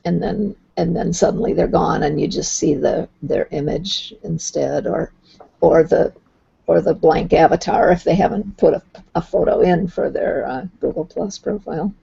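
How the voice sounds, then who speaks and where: A woman hosting a video call, patiently explaining how the software works and thinking aloud as she goes. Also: fairly low pitch, moderate pace, gravelly, breathy edge. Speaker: host. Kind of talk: casual explanatory chat. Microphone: computer mic on a video call. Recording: dull lo-fi online call audio.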